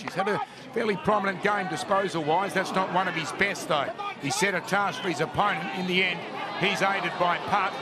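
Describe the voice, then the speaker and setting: An Australian male commentator giving a running, descriptive play-by-play of live football. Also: high-pitched. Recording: crowd and noise behind live commentary. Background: crowd at outdoor ground.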